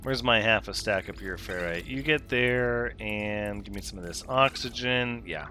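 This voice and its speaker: A man's voice: lowish voice, measured pace, pushed and bright, a little hiss or hum. A man giving casual gameplay commentary, thinking aloud, counting pieces and joking with himself as he builds.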